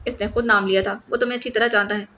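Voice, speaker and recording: A woman's voice: mid-range voice, steady tone, close to an everyday voice. A woman voicing a hot-tempered, blustering male police superintendent in an audiobook, with an angry, scolding tone. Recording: slightly muffled with faint hiss.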